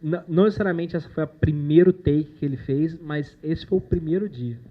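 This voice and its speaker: A man's voice: fairly high pitch, brisk, highs cut off. Chatty, joking man giving a student talk. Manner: chatty, jokey, with slang and swearing. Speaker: animation producer giving a talk. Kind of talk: casual talk to university students. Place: university lecture room.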